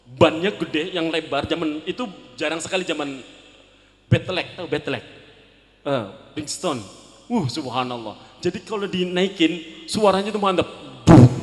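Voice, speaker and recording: Brief: high-voiced male preacher spinning a comic tale, quizzing the crowd, echoing hall. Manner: comic, teasing asides to the audience. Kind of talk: humorous sermon storytelling. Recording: long hall reverb.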